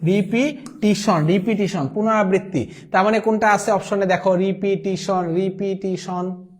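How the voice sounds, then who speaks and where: A man, teaching English grammar and going through exam answers, repeating key words slowly for drilling. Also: high-pitched, fairly even intonation.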